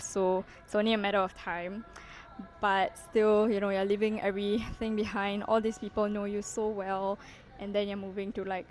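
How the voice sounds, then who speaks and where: A young woman chats casually to her camera, leaning on "like" and "you know" as she thinks aloud. Her voice sits at a mid pitch, and she walks around as she talks. Faint traffic noise hums behind her. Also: poor audio. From Singapore. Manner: chatty, heavy use of "like" and "you know" fillers; walking around while talking. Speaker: vlogger. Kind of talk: casual reflective vlog talk.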